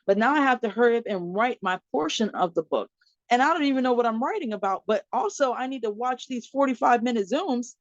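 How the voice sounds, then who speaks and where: With a voice on the high side, an animated podcast guest and adult mother of four recounts her own story conversationally, jumping into the voices of people she quotes. She laughs frequently and uses lots of fillers. The audio is dull and lo-fi like a remote call, from a dry, close room without echo.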